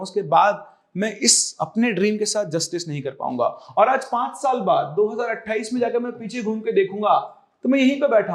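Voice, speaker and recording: A young man and coaching teacher explaining a career decision to viewers, earnest and reassuring, slipping English phrases in. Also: sits high. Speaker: online exam coaching teacher.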